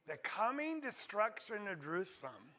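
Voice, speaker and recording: A man's voice: high voice, sing-song, moderate pace, sharp tone. A man teaching a Bible class in a conversational way, often asking his listeners questions. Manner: conversational, asks the audience questions. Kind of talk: interactive Bible class sermon.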